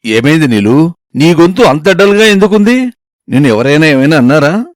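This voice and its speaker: A man's voice: a little high, animated, normal speed, no room sound, lightly acted. A caring young fiancé, as a male storyteller puts him on, asking after his bride-to-be in a lifted, light voice. The storybook reading sounds close and dry. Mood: concerned.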